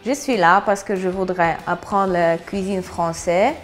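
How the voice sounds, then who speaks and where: A woman's voice: on the low side, fairly even intonation, a little slow, soft background music. A woman in her twenties from Poland with a Polish accent, speaking simple non-native phrasing as an apprentice cook. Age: 20s.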